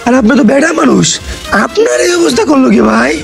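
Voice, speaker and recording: Brief: comic man, rapid gravelly high voice, moaning complaints. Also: expressive, faint music behind. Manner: groaning, complaining, fast rough delivery. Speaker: comic actor. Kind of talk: slapstick comedy sketch.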